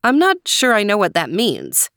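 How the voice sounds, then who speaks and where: A woman's voice: mid-range voice, wildly swooping pitch, normal speed, vocal fry, clear, resonant tone, dry recording, clean studio sound, full character voice. A woman voicing a spirited, impatient young princess in a bedtime story, speaking emphatically. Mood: eager, pleading. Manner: bright, pleading and emphatic.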